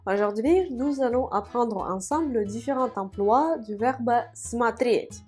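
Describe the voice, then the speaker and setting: Woman, language teacher, video lesson, unhurried, slightly high voice, repeats words for practice. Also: darkish tone, faint music behind. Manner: slow, careful, repeating each word for practice; writing on a board while explaining.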